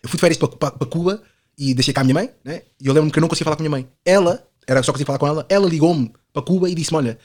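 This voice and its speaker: A man in his twenties with a European Portuguese accent chats on a podcast, his talk loose and slangy in the Lisbon style, full of fillers and tag questions. His pitch is fairly high, his tone darkish, and his pace very fast.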